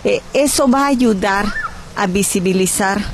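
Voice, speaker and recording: A Mexican woman speaks as a guest on a radio interview, in a voice of medium pitch. She presses her points earnestly and persuasively, and pauses often on "eh" while she finds her words. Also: a little hiss or hum. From Guerrero, Mexico. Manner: earnest and persuasive, with frequent "eh" hesitations. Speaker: cultural advocate, interview guest.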